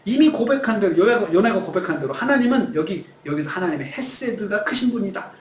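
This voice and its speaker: A man's voice: sits high, lively intonation, quick pace, roomy sound. A male pastor preaching a sermon, acting out quoted lines in shifting voices. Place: church sanctuary.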